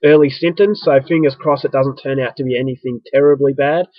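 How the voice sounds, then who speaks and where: An Australian vlogger talks to camera in a loose, joking, rambling way, chatty and self-mocking, his medium-pitched voice a little stuffy from an early flu. He speaks briskly with fairly even intonation. The recording is dry and slightly dull, like a modest home setup, with no room sound.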